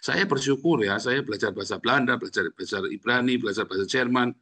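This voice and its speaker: A male pastor from Indonesia preaching a lively, joking sermon that addresses his listeners directly. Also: medium pitch, fairly quick, breathy edge.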